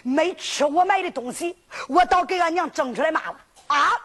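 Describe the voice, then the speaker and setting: A woman's voice: high-pitched, expressive, moderate pace. Woman doing a hot-headed teenage scholar boy. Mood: angry. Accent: Henan. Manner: indignant shouting. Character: hot-tempered fifteen-year-old scholar boy. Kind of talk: sung folk storytelling.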